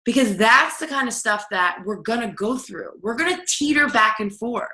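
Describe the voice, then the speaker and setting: A personal growth coach speaks conversationally in a recorded video lesson, repeating and acting out the inner self-talk she describes. Her voice is bright, forceful, expressive and on the high side, at normal speed. The room is echoey.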